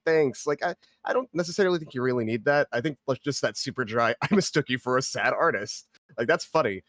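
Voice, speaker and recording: A man with a medium-pitched, slightly bright voice gives casual spoken feedback on a script, hedging, hesitating and rambling as he goes. There's no room sound in the recording.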